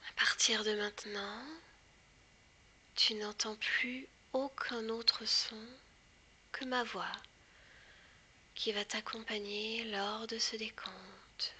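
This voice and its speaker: A woman guiding a hypnosis session in a hushed, breathy whisper right in the listener's ear, soothing and deliberate with long pauses. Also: on the high side, flat delivery, slight background noise. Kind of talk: guided hypnosis, soft ASMR delivery.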